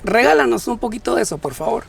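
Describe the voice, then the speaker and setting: A man's voice: very high-pitched, very animated, quick pace, creaky, slight background noise. A man from Guatemala co-hosting a casual talk show, playful and joking, rambling with many restarts. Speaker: co-host.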